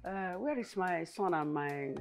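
An actress playing a calm, firm mother-in-law with a Nigerian accent. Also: fairly low pitch, measured pace, vocal fry, soft background music.

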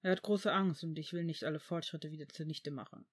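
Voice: medium pitch, steady tone, a little fast, slightly rough, natural voice. A reader voicing an angry, protective male potions master in a fan fiction audiobook, cutting and indignant. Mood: serious. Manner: cutting, indignant, shouting at times.

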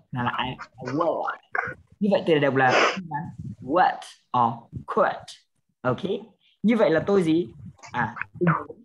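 Vietnamese woman teaching english, lowish voice, keeps asking if students get it, bit of hiss behind. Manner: explains step by step with frequent check-in questions. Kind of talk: classroom lesson.

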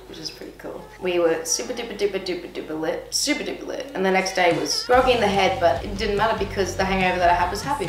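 A woman in her twenties, hungover, chatting casually and playfully in slang with bursts of exclamation while she eats on camera. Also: fairly low pitch. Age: 20s. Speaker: singer-songwriter discussing own song. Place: indoor studio set with backdrop. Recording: echoey room, music behind.

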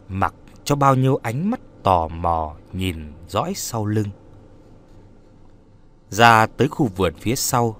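A man narrating a ghost story in a dramatic, expressive way. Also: mid-range voice.

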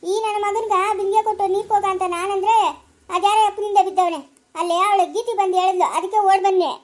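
A woman with a rural Karnataka Kannada accent playing a sharp-tongued village wife who berates and wails curses in an amateur family skit. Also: extremely high pitch, fairly even intonation, fast. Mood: scolding. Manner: loud berating, wailing curses.

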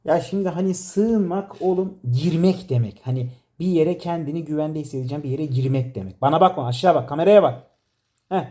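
A man's voice: a little high, fairly quick, mellow. A man directing a comedy sketch, teasing and exasperated, laughing often. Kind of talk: playful directing banter.

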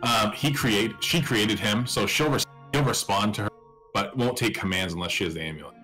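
Man in his thirties, game master, lowish pitch, bright edge, casual narration, faint music. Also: fairly quick, low-quality recording. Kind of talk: casual tabletop game narration and rules talk. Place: indoor room at home, on a video call.

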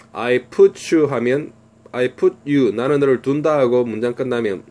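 A middle-aged man teaching English through a pop song, slowly reading lyric lines and explaining the grammar. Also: mid-range voice, mellow.

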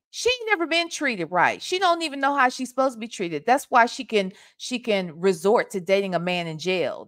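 With a medium-pitched voice and a Southern US accent, a woman in her forties from Ohio hosts a reaction video from a small home room. She delivers sassy, emphatic, animated remarks about a played call into a desk microphone paired with her webcam.

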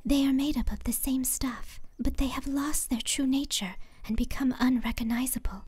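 A woman voicing a serene, childlike, otherworldly empress in a fantasy audiobook, speaking in a gentle, measured, breathy whisper. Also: high voice, fairly even intonation. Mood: grave, calm. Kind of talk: fantasy audiobook character dialogue.

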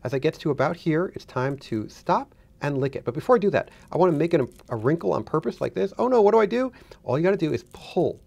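Higher-voiced man giving a casual tutorial. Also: expressive, quick pace, gravelly, hardly any pauses, a little mellow. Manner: instructive, repeats himself for emphasis. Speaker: demonstrator, guest.

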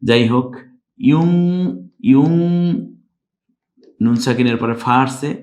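A man with a Bengali accent teaches recitation step by step, his voice sitting at an ordinary middle pitch. He explains each rule patiently, then chants the verse in drawn-out, louder phrases. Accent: Bangladeshi Bengali.

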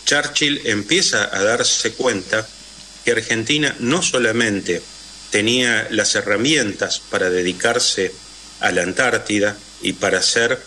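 Low, forceful Rioplatense man telling history. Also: measured pace, a little hiss or hum. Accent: Rioplatense Spanish. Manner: storytelling, with frequent "eh" and "este" fillers. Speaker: interview guest. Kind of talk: radio interview.

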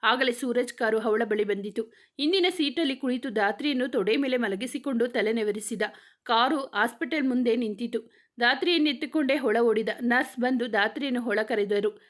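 A woman's voice: on the high side, normal speed. A woman reading a romantic story aloud, narrating and speaking every character in much the same voice.

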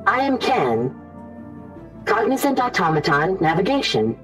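A woman voicing a small, old, curious robot navigator in a tabletop game, with a bright, wondering manner. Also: mid-range voice, very animated, a little slow, far from the mic, music in the background.

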